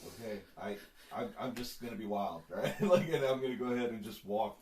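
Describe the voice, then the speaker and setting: A man's voice: on the low side, fairly quick, a little mellow. A man playing a tabletop game, chatting casually with the group as a player. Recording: echoey room, distant mic.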